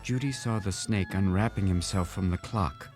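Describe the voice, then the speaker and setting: A man narrating a children's storybook aloud in an expressive read-aloud style. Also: low voice, normal speed, over music.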